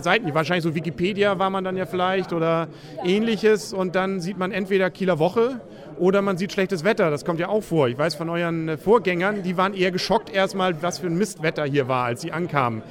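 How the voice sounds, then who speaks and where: A man's voice: high-pitched, quick pace. A man hosting a radio podcast, asking chatty, jokey questions in a street interview. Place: outdoors in a busy city. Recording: crowd noise behind. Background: crowd.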